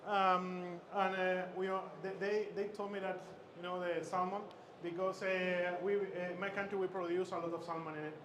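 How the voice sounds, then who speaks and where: Chef instructor from Chile, male, raised pitch, stop-start cooking demo patter over loud expo noise. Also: little pitch movement. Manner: halting, many fillers and repeated words. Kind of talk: live cooking demonstration. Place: expo stage. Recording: noisy expo hall ambience.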